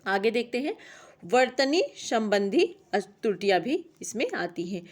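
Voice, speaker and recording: A young woman teaching a class on language teaching, reading out lists of points in a steady classroom manner. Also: medium pitch, unhurried. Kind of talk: exam-prep lecture reading out points.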